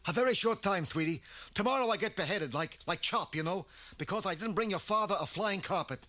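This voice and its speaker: High-pitched, wheedling cartoon hustler lad. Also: male voice, expressive, fairly quick, bright, forceful tone. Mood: wry. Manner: hipster slang, wheedling. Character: slick, fast-talking young male carpet peddler.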